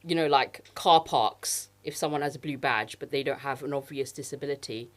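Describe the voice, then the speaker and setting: Low-pitched female podcast co-host, playful and teasing, with easy laughter. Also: moderate pace. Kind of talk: casual chat.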